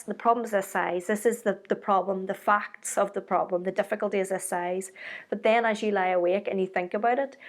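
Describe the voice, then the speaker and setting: A woman giving a short devotional sermon in an earnest, encouraging, conversational teaching manner. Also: medium pitch. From Ireland. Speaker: speaker giving a devotional message.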